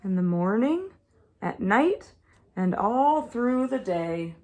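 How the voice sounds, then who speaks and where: In a medium-pitched voice, a preschool teacher reads aloud from a picture book to young children. She stresses words and keeps her phrasing deliberate and expressive.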